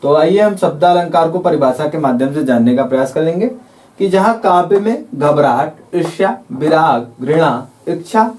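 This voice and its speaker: A man teaching a Hindi grammar lesson, explaining patiently, repeating himself with filler phrases and reading quoted verse lines slowly. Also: on the high side, a little mellow, far from the mic. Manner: repetitive, careful, with frequent filler phrases.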